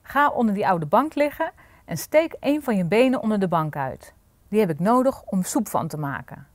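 A loud, gruff storybook ogre who bellows his orders, as a woman reader puts him on. The voice is close and dry, with an ordinary middle pitch that rises into shouts. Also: very animated, normal speed, no echo, natural voice. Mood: menacing.

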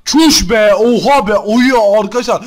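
A man doing excitable Minecraft gameplay commentary, constantly calling out to his viewers. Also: high voice, normal speed. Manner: excitable, keeps addressing the viewers. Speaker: gaming YouTuber.

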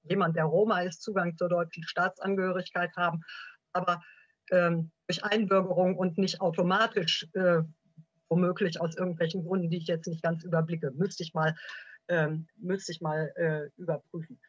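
An older woman, a law professor on an online panel, speaking haltingly and losing her thread. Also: lowish voice, flat delivery, breathy edge, no room sound. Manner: hesitant, loses her thread. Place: dim room with bookshelves. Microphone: video call. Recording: dull lo-fi video call audio.

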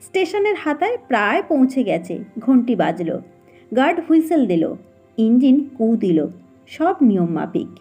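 A woman narrating a short story in a measured, expressive reading voice. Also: sits high. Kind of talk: audiobook narration. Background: faint background music.

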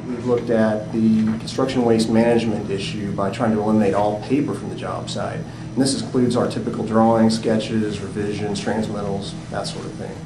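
Man, low voice, deadpan site report, echoey room. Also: moderate pace. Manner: dry, matter-of-fact. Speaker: presenter at a job site. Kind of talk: mock reporting. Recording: echoey room, faint noise.

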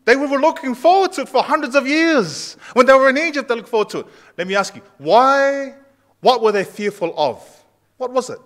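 Speaking at an extremely high pitch, this thirtysomething pastor preaches briskly and expressively, quizzing his congregation as he goes. His tone is fairly bright. A distant camera at the rear of the sanctuary picks him up.

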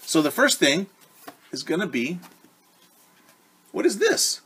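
A very animated, husky voice, high-pitched and fairly bright, reads slowly to young children. The speaker is a man in his forties, their teacher, who talks directly to them and repeats key words during story time in a home living room.

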